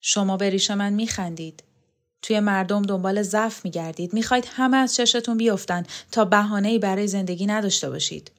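A woman reading a novel aloud, voicing a devoted, wistful man who recalls the past in a soft, dreamy way. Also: medium pitch, natural voice. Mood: defensive. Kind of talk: audiobook character reading.

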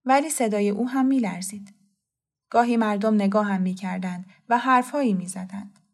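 A woman narrating a story as an audiobook, calm, measured and soft. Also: medium pitch, gravelly.

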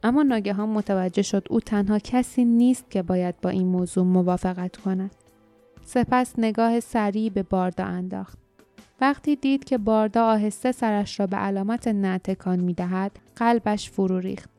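A woman narrating an audiobook in a calm, measured storytelling manner. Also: mid-range voice, no echo. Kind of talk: scripted narration. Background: faint music.

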